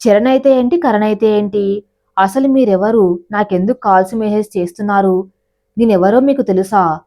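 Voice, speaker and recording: A woman's voice: mid-range voice, normal speed, dark tone, natural voice. A woman voicing an exasperated spirited young daughter. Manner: indignant, exasperated questioning.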